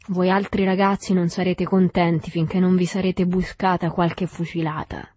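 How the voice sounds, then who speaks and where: A gruff older boatman, cool and contemptuous, handing out orders in clipped, unhurried phrases, as a woman reads him aloud. His voice sits low and husky in a dry, close storybook reading. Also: no echo. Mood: scornful. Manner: calm, curt and scornful. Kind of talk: audiobook character reading.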